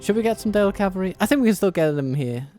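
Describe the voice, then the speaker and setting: A man's voice: high-pitched, lively intonation, racing, mellow, soft background music. A man hosting his show and chatting through a strategy game, thinking aloud with self-deprecating humor. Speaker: host and strategy game player. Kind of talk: casual gameplay commentary.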